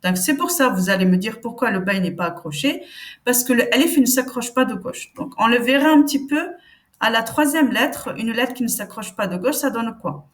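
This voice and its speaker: A woman teaching Arabic reading step by step, patiently sounding out syllables slowly for learners. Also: fairly high pitch, expressive. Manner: patient, slow demonstrations of each syllable.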